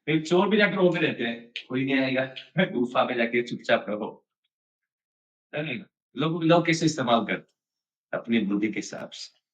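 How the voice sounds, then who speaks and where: A man's voice: mid-range voice, expressive, normal speed, fairly bright tone. A man giving a storytelling sermon in a chatty style, mixing in English phrases and laughing now and then. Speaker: devotional speaker. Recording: echoey, distant, dull sound.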